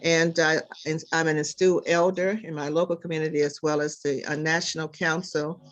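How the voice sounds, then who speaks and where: A speaker from the United States delivers a formal self-introduction as a community leader. The voice is mid-pitched and stays very even in tone. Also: moderate pace. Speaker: community leader and organization founder.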